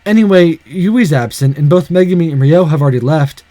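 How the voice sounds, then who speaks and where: A man's voice: fairly high pitch, animated, brisk, warm tone, dry recording. A man reading a visual novel aloud and breaking off into sarcastic, cursing asides. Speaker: let's play host.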